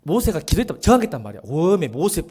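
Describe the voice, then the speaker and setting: Lively high-voiced pastor, jokes around with the congregation, suddenly yells, twang here and there. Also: male voice, very fast, breathy edge. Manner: animated, joking with the congregation, bursts into shouting. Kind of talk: sermon. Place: church sanctuary.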